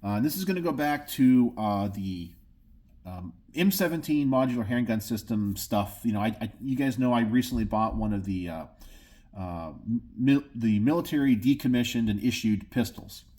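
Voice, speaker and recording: A man's voice: medium pitch, lively intonation, moderate pace, warm tone. An American man hosting a video channel, giving opinionated commentary to his viewers in an emphatic way, often repeating phrases for effect. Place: garage.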